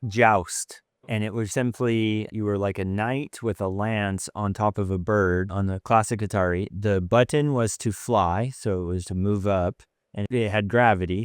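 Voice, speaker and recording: A male podcast host talks in a chatty, enthusiastic way. His voice is low and smooth, and the recording is dry. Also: steady tone, normal speed, dry recording. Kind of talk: interview podcast.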